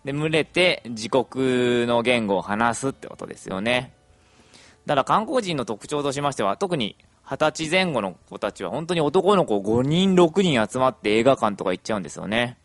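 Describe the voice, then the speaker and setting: Chatty young man with lively, swooping intonation. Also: mid-range voice, moderate pace, no room sound. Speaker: podcaster. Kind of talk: casual podcast monologue.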